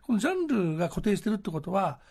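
A man as a radio guest commentator, explaining at length in a lively, casual manner. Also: sits high, fast talker, creaky, husky. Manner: lively, explains in long strings of points.

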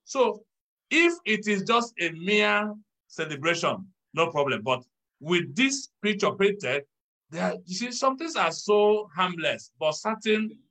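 A man, a pastor, teaching in a church talk show, measured and stressing key words. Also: high-pitched, animated, pushed and bright, rough recording.

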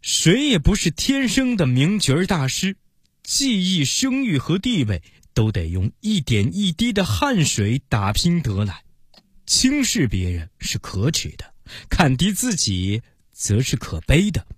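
Husky, lively-pitched children's storyteller man. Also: a little slow, dry recording, clean studio sound. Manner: expressive, addresses children as dear babies.

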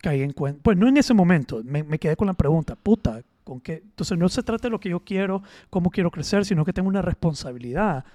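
A man's voice: high voice, lively intonation, fast, hardly any pauses, warm tone, no echo. A man hosting a casual podcast, teasing and joking and mixing in English phrases. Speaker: podcast host.

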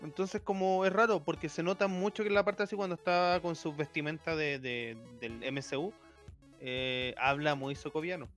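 A man's voice: a little high, steady tone, moderate pace, a bit bright, soft background music. A man with a Chilean accent, a podcast co-host, chatting casually and rambling through his theories with restarts. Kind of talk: casual chat.

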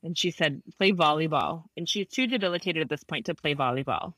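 A woman therapist telling a story in a casual conversation, animated, laughing often and acting out quotes. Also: low voice, fast talker, no room sound.

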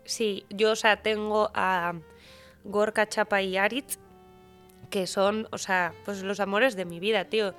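A woman speaking as a podcast guest, animated and emotional, with a slangy, casual way of talking. Her pitch sits in the middle range. Faint music plays softly behind her. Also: a little slow. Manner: animated, emotional, slangy, often says "tío". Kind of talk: casual conversation.

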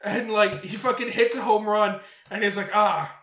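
Young male co-host, high and bright, profane and exaggerated, echoey room. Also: steady tone, normal speed. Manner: swears freely, exaggerated retellings. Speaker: podcast co-host. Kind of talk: casual chat recapping an anime.

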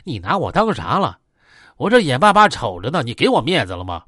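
A man's voice: medium pitch, huge pitch swings, a little fast, fairly bright tone, husky, dry recording, studio quality, exaggerated voice. A man with a Northeastern Mandarin accent voicing a proud gangster in his fifties who talks indignantly and boastfully.

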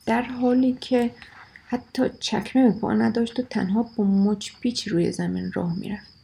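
Reading a storybook aloud, a woman uses a dark, gravelly, slightly high voice with a husky edge. She grows expressive, dropping to whispers and raising her voice for the shouted lines, while crickets chirp faintly in the background.

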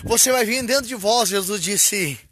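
A man preaching a fervent sermon, drawing out and shouting scripture lines and breaking into tongues. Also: high voice, moderate pace, a little hiss or hum. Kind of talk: fervent Pentecostal-style sermon.

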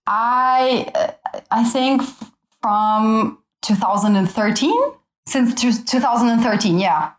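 A woman's voice: fairly high pitch, takes it slowly. Woman in her 20s, grew up in italy, podcast guest, easygoing and laughy, roomy echo on her mic. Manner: easygoing, agrees often, laughs a lot. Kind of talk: casual podcast chat.

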